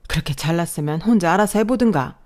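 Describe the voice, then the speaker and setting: A woman voicing a blunt older father-in-law who scolds loudly in a radio drama. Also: sits low, fairly even intonation, a little fast, close to an everyday voice. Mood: scolding.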